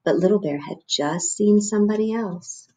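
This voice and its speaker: A woman storyteller reads a picture book to children with lots of expression from a couch in a small home room. She has a medium-pitched, mellow, husky voice and keeps a normal pace.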